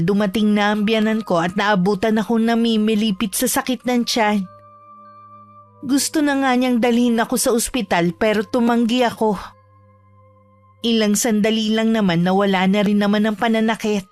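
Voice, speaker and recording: A woman giving scripted first-person narration of a true horror story in a steady storytelling manner. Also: on the high side.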